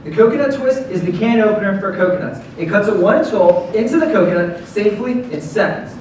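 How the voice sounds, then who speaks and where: A young man giving a confident startup pitch as a founder, with emphatic, rehearsed delivery. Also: animated, fast talker, darkish tone. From South Florida, US. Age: young adult. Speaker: student founder pitching to judges. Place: large room at a pitch competition. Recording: echoey hall, distant mic, clear noise.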